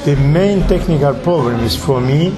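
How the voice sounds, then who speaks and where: A man from Germany whose first language is German, speaking slowly and deliberately in a group discussion. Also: fairly high pitch, lively intonation, a crowd in the background, poor audio. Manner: slow, deliberate, with pauses.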